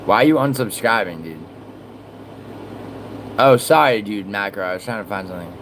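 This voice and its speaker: A man hosts a casual livestream, reading out viewer messages as he goes. He rambles, swears freely and lets sentences trail off. A steady air-conditioning hum runs underneath. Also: on the low side, normal speed. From born in Italy, raised in New York. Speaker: livestream host.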